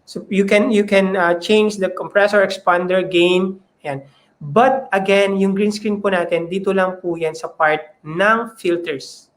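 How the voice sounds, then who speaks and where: A man with a Filipino accent giving a step-by-step software tutorial, mixing Tagalog and English. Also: high voice, fairly even intonation, a little slow. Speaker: software trainer.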